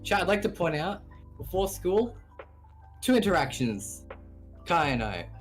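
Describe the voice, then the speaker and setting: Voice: medium pitch, very animated, normal speed. A guest on a live stream who joins the casual chat in a playful, teasing way. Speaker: co-host guest. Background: lo-fi music.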